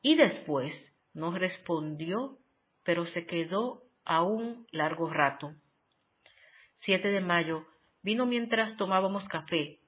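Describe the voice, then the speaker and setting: Solemn devotional reader, very slow, medium pitch, tinny phone-like sound. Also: animated, breathy edge. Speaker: narrator reading a spiritual diary. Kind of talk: slow devotional reading aloud.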